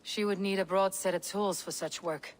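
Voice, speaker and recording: A woman's voice: medium pitch, fairly even intonation, normal speed, slight background noise, lightly acted. A woman playing a guarded, terse female Viking warrior in a video game cutscene. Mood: cool, guarded.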